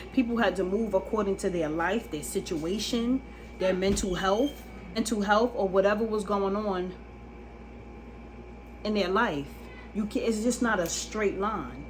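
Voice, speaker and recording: A woman's voice: mid-range voice, slight background noise, poor audio. A woman vlogging a casual monologue to camera, blunt and emphatic, often asking if you understand. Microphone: phone camera.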